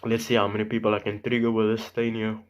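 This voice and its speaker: A young man telling a story casually to camera in animated slang, acting out bits of dialogue. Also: on the low side, fast. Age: young adult. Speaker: vlogger. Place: small room at home.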